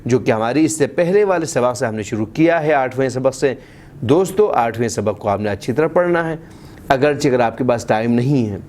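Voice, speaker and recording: A man's voice: mid-range voice, darkish tone. A man from Baltistan teaching step-by-step Quran reading, patiently drawing out each sound and praising his pupil often. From Baltistan, Pakistan. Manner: patient, spells sounds out slowly and drawn out. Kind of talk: step-by-step recitation lesson.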